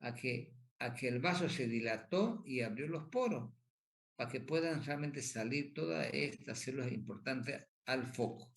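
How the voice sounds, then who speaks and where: A man's voice: medium pitch, lively intonation, measured pace, vocal fry. A man giving a lecture who asks questions and answers them himself, repeats key points and keeps checking in with tag questions. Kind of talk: pathophysiology lecture.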